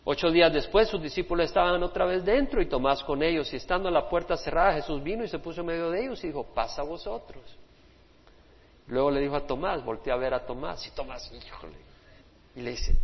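A man's voice: on the high side, fast talker. Male preacher, passionate sermon delivery, muffled lo-fi recording. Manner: impassioned preaching, voices quoted speakers. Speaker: pastor. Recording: dull lo-fi sermon recording in a reverberant hall.

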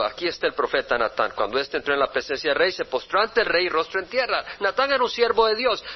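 A male pastor reading scripture aloud and then preaching on it, turning to his listeners with rhetorical questions. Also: a little high. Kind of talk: sermon, Bible study. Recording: dull lo-fi radio broadcast.

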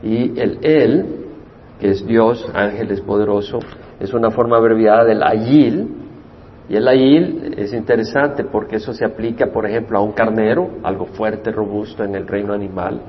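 A pastor teaching a Bible study, explaining the meanings of Hebrew words and repeating key terms for emphasis. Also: male voice, on the low side, steady tone, normal speed, in a large hall, lo-fi sound, slight background noise. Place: church.

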